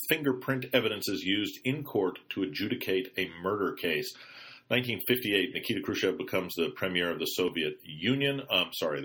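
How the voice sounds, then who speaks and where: Reading the weekly news for a podcast through a computer microphone, a man speaks in a deep, bright and forceful voice. He keeps it informal and unpolished, adding chatty asides and pausing with ums to fix his mistakes.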